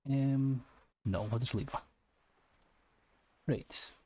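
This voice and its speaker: Guy playing a game, goofy and jokey, reading choices out loud. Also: medium pitch, drawn-out words, slight background noise. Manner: playful, jokey. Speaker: let's play host. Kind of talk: gaming commentary, reading choices.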